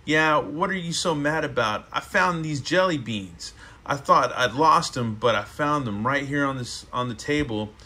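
A man's voice: medium pitch, moderate pace, pushed and bright. A man voicing a young girl who fusses and complains, read aloud from a storybook. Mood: fussing. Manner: fussy complaining. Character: angry young girl stuck with jelly beans.

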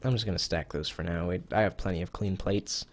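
Guy doing a chill lets play, lowish voice, kinda breathless, rambling as he goes. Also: brisk, poor audio. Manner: chatty, self-talking while playing, swears casually. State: slightly out of breath. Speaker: gaming YouTuber. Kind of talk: casual let's-play commentary.

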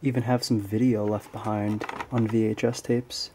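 A man exploring an abandoned speedway building, giving quiet, offhand commentary. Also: on the low side, moderate pace, slight background noise. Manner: quiet, flat, offhand remarks. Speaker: urban explorer filming a walkthrough.

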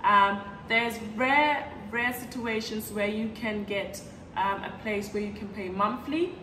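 A young woman from Ghana talks through a casual advice vlog, chatty and loose, with many "um" fillers. She sits back from the camera's mic, so her voice sounds distant in a roomy, echoing space. A steady hiss runs behind her. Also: mid-range voice, slow. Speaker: vlogger. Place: bright living room, on a sofa by a large window. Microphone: fixed camera at a distance.

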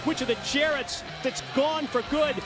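A man calling live wrestling play-by-play with an emphatic, excited delivery, repeating phrases for weight. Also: very high-pitched, moderate pace. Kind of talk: live sports commentary. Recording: loud crowd and music behind commentary. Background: arena crowd and loud music.

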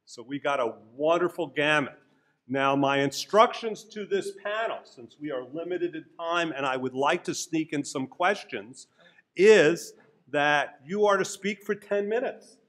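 A man's voice: fairly high pitch, expressive, measured pace, a bit bright. Wry man moderating a panel. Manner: wry, joking, rambling with uhs. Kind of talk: joking panel introduction. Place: conference room on Capitol Hill. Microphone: podium microphone.

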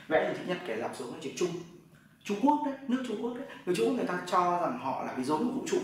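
A Chinese language teacher with a slightly high male voice gives a classroom lesson, explaining step by step and often asking "right?" to check understanding. The recording is made from far off in an echoey room, with faint noise.

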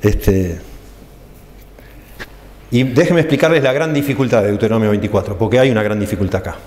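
A man's voice: on the low side, brisk, a little mellow. A man preaching in a church, explaining texts carefully and stressing key phrases, with a Rioplatense Spanish accent. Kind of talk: church teaching sermon. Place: church hall. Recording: echoey church hall, long reverb.

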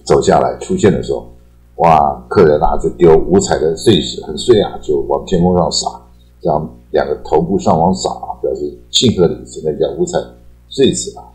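A man giving a casual, chatty English vocabulary lesson. He repeats key words and ends his phrases with a drawn-out particle. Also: very deep voice, darkish tone, rough recording. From Taiwan. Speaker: English teacher. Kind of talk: casual explanatory lecture.

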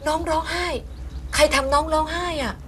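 A woman's voice: high voice, fairly even intonation, fairly quick, a bit bright, a little hiss or hum. An actress playing a fussy, insistent middle-aged mother in a TV drama, scolding and coaxing her husband. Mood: concerned. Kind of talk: Thai TV soap acting. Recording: music score underneath.

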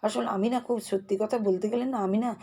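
A lifestyle vlogger talks fast and restlessly through casual narration in her home kitchen. Her mid-range voice is mellow and husky, holding a steady tone. She's chatty throughout.

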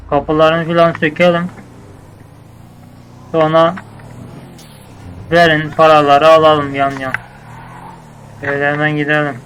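A man running an in-character game roleplay, ordering his crew about in brusque, slangy street talk. His voice is on the higher side for a man, with a light hiss of noise beneath it. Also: fairly bright tone, rough recording.

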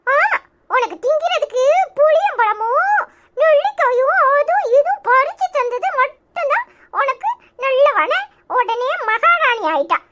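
A woman's voice: very high voice, lively intonation, a little slow, heavy background noise. A woman voicing a sarcastic, nagging young grandson with a Tirunelveli Tamil accent in a cartoon. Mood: scolding. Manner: nagging, mocking questions. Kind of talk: cartoon voice acting.

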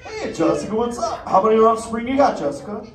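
Very high-pitched, very animated and a little fast, a man brings a stoked, laid-back surfer-dude sea turtle to life in a live interactive theme park show. He speaks in easygoing surfer slang, recorded from far off in an echoey indoor theater with audience noise.

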